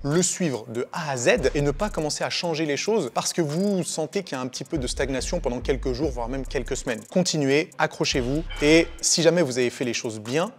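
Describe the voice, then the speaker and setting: A man who coaches fitness, talking fast and confidently as he gives quick, blunt opinions in a relaxed way. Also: a little high, faint music behind. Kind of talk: quick-fire opinion answers.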